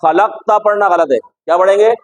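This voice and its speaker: In a poor-quality recording with no echo, a man with a high-sitting voice speaks a little slowly while teaching a classroom tajweed lesson. He repeats each word many times, quizzes the class, and corrects their recitation.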